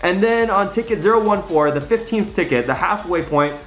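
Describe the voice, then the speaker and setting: A man's voice: sits high, expressive, fairly quick, a bit bright, soft background music, poor audio. A man hosting a vlog with casual play-by-play, half talking to himself and repeating phrases. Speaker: scratch-ticket vlog host.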